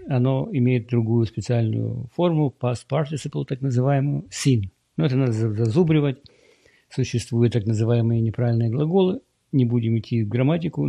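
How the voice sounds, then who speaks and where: A man giving a casual screen-share English lesson, patiently explaining and slowly repeating English words for his students. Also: mid-range voice, vocal fry, warm tone, dry recording. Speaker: English teacher.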